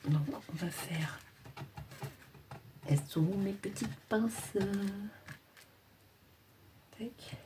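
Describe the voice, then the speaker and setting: A woman's voice: fairly low pitch, extremely slow, long pauses, noisy background. A woman hosting a casual crafting tutorial, chatting and thinking aloud as she works.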